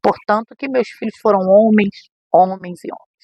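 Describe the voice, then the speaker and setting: A woman's voice: medium pitch, normal speed, slightly rough, no echo, highs cut off. Brazilian woman telling a dramatic testimony. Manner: animated storytelling, acts out quoted voices. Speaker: podcast guest, missionary preacher. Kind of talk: emotional personal testimony.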